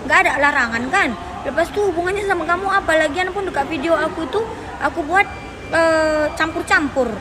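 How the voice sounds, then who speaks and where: High-voiced woman ranting defiantly. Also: a little fast. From Indonesia. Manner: defiant, argumentative. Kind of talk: vlog rant. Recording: crowd and street noise behind.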